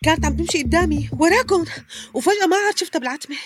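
A woman's voice: very high voice, animated, very fast. An actress playing an anxious young village woman in a radio drama, pleading and lamenting in Levantine Arabic. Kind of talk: audio drama acting.

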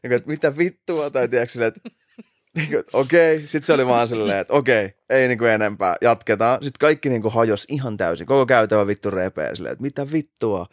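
A man's voice: mid-range voice, no room sound, studio quality. A man in his late twenties, a podcast host, telling an anecdote in casual chat, swearing freely and laughing as he goes. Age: 20s.

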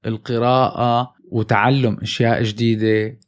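A man with a Levantine accent giving casual motivational advice straight to his viewers, with energy and quick self-corrections. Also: mid-range voice, little pitch movement. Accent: Levantine Arabic. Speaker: vlogger. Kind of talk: casual motivational talk to camera.

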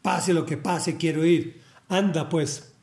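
A man's voice: a little high, steady tone, slow pace, darkish tone. A man voicing an eager young male messenger in a Bible reading, earnest and insistent. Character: eager young male runner bringing news.

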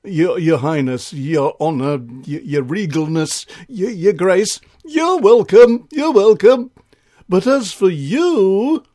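A man's voice: high voice, lively intonation, slow, dark tone, voice pushed up, heavily acted. A man voicing a pompous, cold-hearted male Ice King in a children's story. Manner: pompous, self-satisfied, punning.

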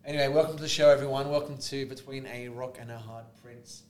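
A man's voice: mid-range voice, fairly even intonation, fast, darkish tone. A man hosting a podcast in casual chat, jokey and playful. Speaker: podcast host. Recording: roomy echo, faint music.

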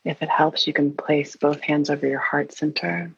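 A woman leading a guided meditation in an airy, breathy, soothing and hushed voice, leaving long pauses. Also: deep voice, little pitch movement. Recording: roomy, dull lo-fi sound.

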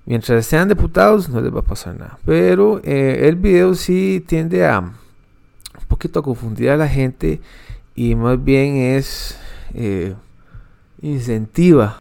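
Gravelly-voiced man hosting a commentary podcast. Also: mid-range voice, darkish tone. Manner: opinionated, measured, frequent fillers and restarts. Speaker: podcast host.

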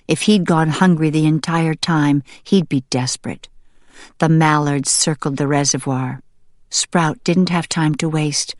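A woman narrating a children's novel in steady, measured storytelling. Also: deep voice, no echo, studio quality. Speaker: audiobook narrator. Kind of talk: scripted narration.

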